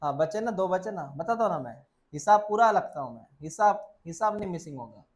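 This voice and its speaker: A man's voice: high-pitched, animated, brisk. A male biology teacher speaking Hindi with English terms in a classroom lecture. He quizzes students with the same question several times and answers it himself, calling them "beta". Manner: repeats key points and quizzes students, answering his own questions; coaxing, calls the listener "beta".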